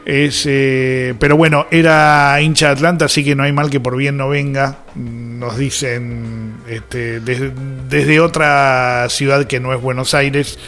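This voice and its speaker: A man's voice: medium pitch, fairly even intonation, slow pace, few pauses, fairly bright tone, faint music behind. A man with a Rioplatense accent, a radio co-host reading listener messages and talking with many fillers. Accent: Rioplatense Spanish. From Argentina. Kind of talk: casual radio chat.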